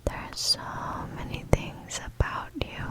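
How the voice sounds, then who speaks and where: A young woman giving a whispered ASMR pep talk, reassuring and soothing, gently repeating words. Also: unhurried. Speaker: ASMR host.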